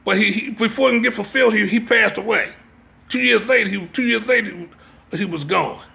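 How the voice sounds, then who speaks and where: A man gives an informal religious lecture, mixing read-aloud passages with commentary, emphatically repeating phrases to press his point and checking that listeners understand. His gravelly voice sits high and sounds pushed and bright, with a brisk pace.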